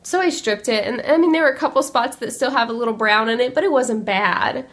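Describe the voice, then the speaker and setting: A young woman talks casually to the camera in a high, bright register. She is animated and chatty and slips into other people's voices when quoting them. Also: a little fast. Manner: chatty, animated, acts out quoted remarks in a higher voice. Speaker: vlogger. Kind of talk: casual chat.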